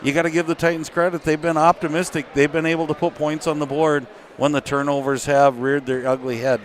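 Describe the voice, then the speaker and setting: A man giving relaxed, folksy color commentary and score updates during a basketball broadcast. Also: a little high, brisk, slight background noise.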